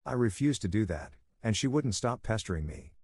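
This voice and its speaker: A man reading a forum post aloud as a storytime narrator, in a steady, even voice. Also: fairly low pitch, brisk, slightly rough, no room sound.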